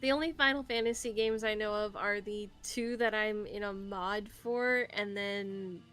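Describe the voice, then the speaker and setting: A woman's voice: medium pitch, fairly even intonation, a little slow, fairly bright tone, soft background music. A woman voice actor co-hosting a game stream, chatting in a bubbly and playful way. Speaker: co-host and voice actor. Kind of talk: casual chat on a game stream.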